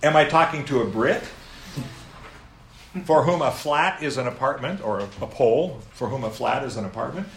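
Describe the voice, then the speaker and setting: This middle-aged American man, with a creaky mid-range voice, preaches to a live audience, spinning animated stories and tossing in playful asides. Faint background noise can be heard in the echoey room.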